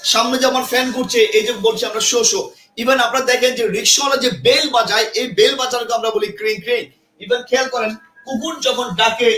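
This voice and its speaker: A man teaching a live online grammar class, energetic, repeating points and quizzing his viewers. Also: very high-pitched, reverberant, low-quality recording. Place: indoor room with a ceiling fan.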